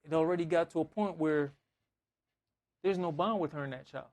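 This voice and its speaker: In this conversational sermon, the preacher's fairly high voice carries a darkish tone and a moderate pace. Mixing scripture readings with anecdotes, he stresses his points through emphatic, repeated phrases, acted-out dialogue, and examples from everyday life.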